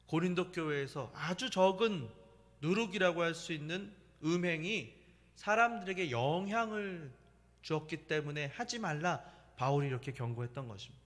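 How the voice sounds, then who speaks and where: A man's voice: a little high, lively intonation, normal speed, fairly bright tone. A middle-aged male pastor preaching a weeknight sermon in a conversational, storytelling way, laughing now and then. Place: church sanctuary. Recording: long hall reverb.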